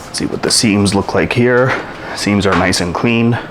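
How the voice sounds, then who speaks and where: Blunt, low-voiced man reviewing gear at home. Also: moderate pace, background noise. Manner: blunt and frank, a little exasperated. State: out of breath after punching. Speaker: product reviewer. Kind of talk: casual product review vlog. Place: home room with hardwood floor.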